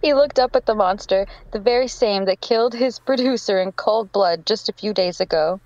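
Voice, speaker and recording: A woman's voice: mid-range voice, moderate pace, darkish tone, no room sound, muffled recording. A woman narrating a fan fiction aloud to friends, giggling through her reading.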